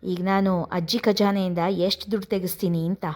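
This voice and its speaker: A woman's voice: mid-range voice, flat delivery, moderate pace, a little mellow, natural voice. A woman voicing a scheming, spoiled young woman who talks sharply and demands money. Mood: demanding.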